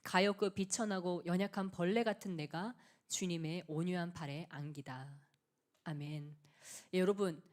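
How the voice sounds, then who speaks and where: Woman pastor preaching, earnest and soft. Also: on the low side, fairly even intonation, normal speed. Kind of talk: sermon.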